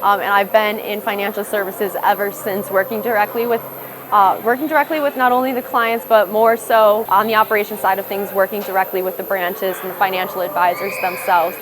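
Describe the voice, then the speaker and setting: In this documentary interview, a young female rapper speaks frankly with a strong Midwestern American accent, reflecting as she goes and frequently starting her phrases over. Her voice sits in the middle range, with fairly even intonation and a slightly fast pace, and background noise is clearly audible.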